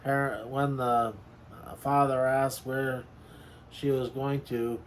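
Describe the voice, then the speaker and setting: A man in casual chat recounting a film in a halting, hesitant way with somewhat formal wording. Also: medium pitch, level tone, slight background noise.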